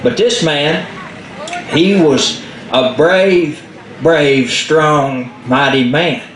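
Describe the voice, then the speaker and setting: A man with a Southern Appalachian accent telling folk tales in a casual, unscripted, folksy way with dramatic pauses. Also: a little high, a bit bright. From southern Appalachia, United States. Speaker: storyteller. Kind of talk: casual oral folk storytelling. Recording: echoey room with background noise.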